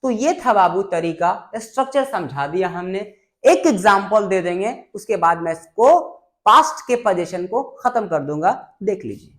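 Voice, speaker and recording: A woman's voice: medium pitch, lively intonation, moderate pace. A woman teaching English grammar in a classroom lesson, patiently repeating and drilling sentence patterns. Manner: patient, addresses students as "babu".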